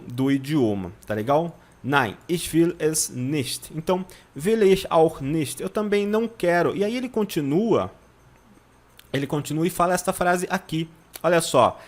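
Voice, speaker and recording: A Brazilian man teaching German in an online lesson. He spells out words slowly, repeats them syllable by syllable and keeps checking in with his viewers. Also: a little high. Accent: Brazilian Portuguese. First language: Portuguese.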